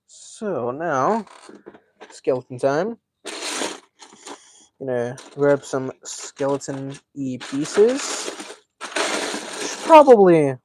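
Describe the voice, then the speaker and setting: Male streamer, talkative and unhurried, narrating his build aloud; mid-pitched voice. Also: background noise. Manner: chatty, thinks aloud while building, self-described yapper. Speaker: livestream host. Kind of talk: casual live-stream building commentary.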